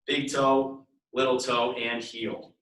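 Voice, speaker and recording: A man coaches a workout class slowly, his bright mid-range voice holding mostly to one pitch as he repeats short step-by-step cues and counts down reps. He's far from the mic in an echoey room, with a little hiss or hum in the recording.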